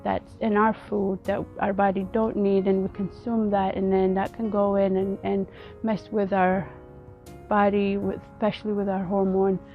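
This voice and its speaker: A woman from Ethiopia, vlogging outdoors in an earnest, halting way and often repeating her words. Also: medium pitch, flat delivery, dull audio, soft background music. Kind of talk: casual personal vlog talk.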